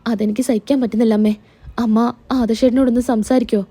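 A woman's voice: on the high side, fairly even intonation, quick pace, warm tone, slightly rough. A woman voicing a hurt young wife in a spoken serial recap, pleading and upset.

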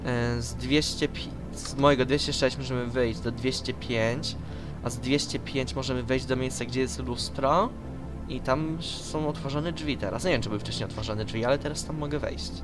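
A man giving casual, excitable commentary while playing a horror game, swearing and yelping when scared. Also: mid-range voice, normal speed, over music. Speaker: let's play host.

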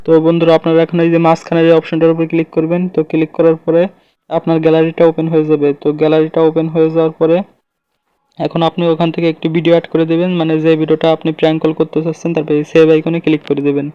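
Speaking at a racing pace in a totally flat tone, this tutorial host has a slightly high, clear, resonant voice. He narrates informally step by step, calling attention to details and repeating filler phrases, captured in a dry, slightly dull, lo-fi close recording.

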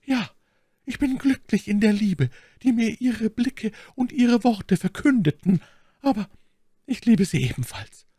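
Imagine a scheming noblewoman, as a male narrator puts her on in a high, sugary falsetto. She speaks sweetly and breathlessly, every word coaxing, in a dry, close storybook reading. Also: expressive, measured pace, warm tone, slightly rough, dry recording, exaggerated voice. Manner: honeyed and breathless.

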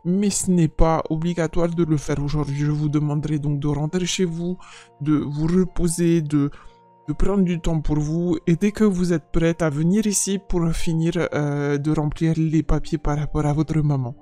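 Woman playing a gentle, formal hospital receptionist. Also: sits low, fairly even intonation, faint music behind, natural voice. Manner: polite, measured, hesitant consoling. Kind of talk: game role-play voice acting.

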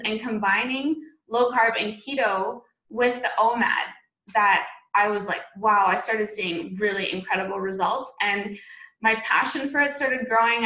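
A woman's voice: medium pitch, pushed and bright, echoey room, poor audio. A young woman from Canada, a podcast guest, talking fluently and eagerly about her work over a video call from a room at home. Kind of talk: casual interview talk.

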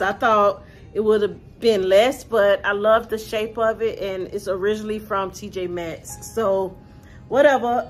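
A woman, chatting casually to camera about her thrift finds from her living room and calling her viewers y'all. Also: medium pitch. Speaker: thrift haul vlogger. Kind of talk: casual haul vlog to camera.

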